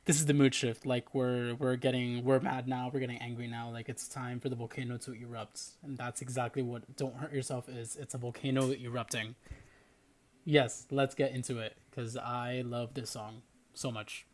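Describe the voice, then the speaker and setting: A man's voice: mid-range voice, flat delivery, normal speed, slight background noise. A man reviewing an album in a casual reaction video, chatty and enthusiastic, with lots of "like" fillers.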